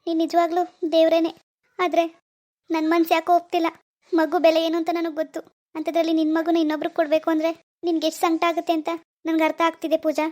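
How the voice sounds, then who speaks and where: A woman voicing a childless, deeply grateful elder sister in an animated cartoon, speaking in an in an earnest, pleading way. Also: fast talker.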